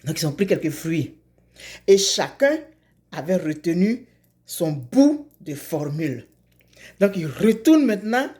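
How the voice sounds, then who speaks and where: A woman from Côte d'Ivoire telling a folk tale aloud in a lively, repetitive manner, often dropping to low asides. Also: a little slow, pauses often. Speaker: storyteller.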